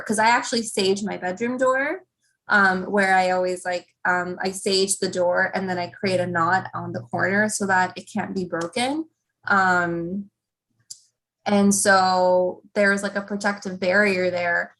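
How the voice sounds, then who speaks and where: A woman's voice: mid-range voice, a bit bright, poor audio. A woman in her thirties hosting a casual live stream chat, talking with many fillers. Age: 30s.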